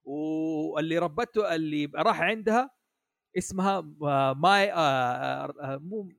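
Higher-voiced man chatting, hesitant. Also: moderate pace, gravelly, fairly bright tone, dry recording, studio quality. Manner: hesitant, many restarts, asks "حلو؟" often. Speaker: podcast guest. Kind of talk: casual chat about an anime.

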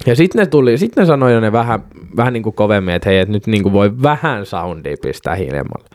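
A man's voice: lowish voice, very animated, darkish tone, dry recording. A man co-hosting a casual podcast, telling a rowdy story with lots of swearing and laughter.

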